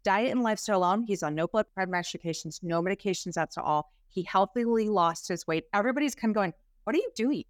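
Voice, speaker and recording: A woman's voice: mid-range voice, fast talker, hardly any pauses, no room sound, studio quality. A woman health practitioner, a guest on a podcast interview, telling stories about her clients with enthusiasm.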